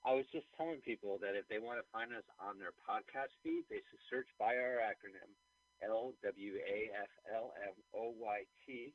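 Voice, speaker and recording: A man's voice: lowish voice, big pitch swings, normal speed, no echo. Man talking over a muffled phone line. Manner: chatty, plugging the show. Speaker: podcast host. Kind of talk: casual podcast chat.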